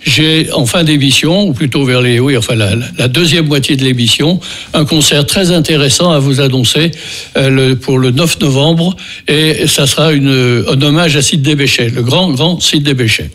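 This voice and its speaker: A man's voice: mid-range voice, moderate pace, a bit bright. An older man hosting a local radio music show, talking in a rambling way with many restarts and fillers, with a Beaujolais accent. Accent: French from Beaujolais. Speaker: radio host.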